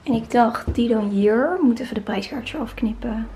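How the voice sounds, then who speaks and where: A woman's voice: fairly high pitch, normal speed, mellow, faint music behind, poor audio. A young woman in her twenties chatting in a casual vlog, filming herself handheld in an empty new apartment. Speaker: vlogger. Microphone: handheld camera close to the face.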